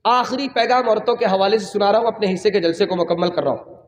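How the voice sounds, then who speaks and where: A high-pitched man preaches a religious sermon at a public gathering with great passion. He repeats phrases and urges the crowd to raise their hands.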